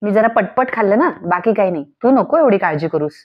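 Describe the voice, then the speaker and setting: A man's voice: high voice, expressive, brisk, highs cut off. A woman voicing an easygoing older village father, brushing off worry in a reassuring way.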